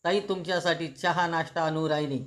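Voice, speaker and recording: A man's voice: on the high side, fairly even intonation, brisk, fairly bright tone, close to an everyday voice. A man voicing a meddling aunt who talks eagerly and defensively.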